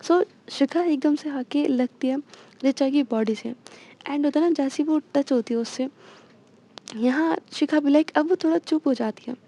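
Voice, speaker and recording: A woman's voice: sits high, unhurried, mellow. A woman telling a romance story in casual chat, full of English fillers. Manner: chatty, mixes in English fillers like "you know".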